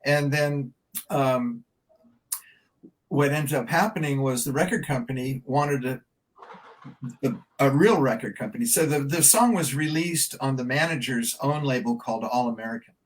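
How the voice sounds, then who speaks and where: A man's voice: medium pitch, moderate pace, poor audio. A man in his seventies, a band member being interviewed, telling a long anecdote in a rambling, chatty way. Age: 70s. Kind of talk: casual interview storytelling.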